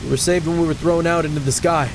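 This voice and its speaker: A man's voice: fairly high pitch, steady tone, fast, noisy background, close to an everyday voice. A man reading a matter-of-fact young pilot girl. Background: game music.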